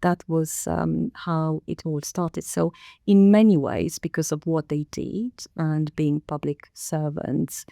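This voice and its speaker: Middle-aged woman from Romania, podcast guest, gravelly fry, dry close sound, thoughtful and unhurried. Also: deep voice, fairly even intonation, mellow, dry recording. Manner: measured, thoughtful, many pauses and fillers. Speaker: guest, council director. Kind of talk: podcast interview.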